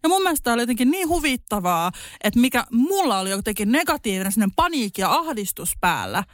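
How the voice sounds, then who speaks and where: A young woman co-hosting a podcast in casual chat, telling lively stories and acting out the quotes. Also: a little high, no echo, clean studio sound. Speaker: podcast co-host.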